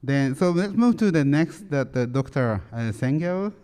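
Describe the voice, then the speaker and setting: A man moderates a symposium panel in a mellow voice. His phrasing is hesitant and plain. The sound carries a long reverb from the hall. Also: on the high side, expressive, moderate pace.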